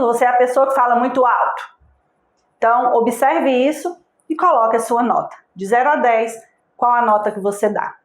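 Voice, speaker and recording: Female instructor for a recorded video lesson, questioning the viewer, echoey room. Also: a little high. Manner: asks the viewer direct questions; patient, explanatory, checks in with "tá?". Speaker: online course instructor.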